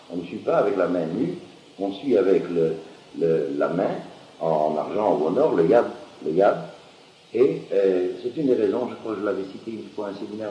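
A man giving a university lecture on Talmud, lively and questioning, with many hesitations and restarts. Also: fairly low pitch, a little hiss or hum. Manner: lively, questioning, uses Hebrew and Aramaic terms. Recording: muffled roomy lecture recording.

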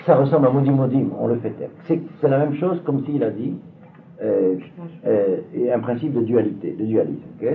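Here a man of medium pitch and normal speed teaches a Talmud seminar, stumbling through with lots of fillers and repeated words. The audio has a faintly noisy, phone-quality sound.

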